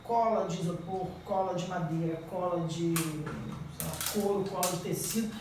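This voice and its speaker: A woman's voice: fairly low pitch, moderate pace, heavy background noise. A Brazilian woman teacher giving a classroom grammar lesson, quizzing students with rising questions. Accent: Brazilian Portuguese. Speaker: Portuguese teacher. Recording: echoey room, mic at a distance.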